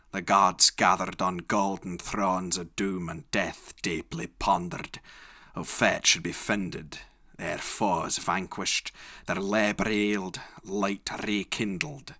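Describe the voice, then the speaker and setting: A man solemnly and dramatically reciting epic verse in a reconstructed Elizabethan English accent, with measured, declamatory delivery. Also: sits low, sharp tone, no echo, studio quality. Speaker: poetry reciter.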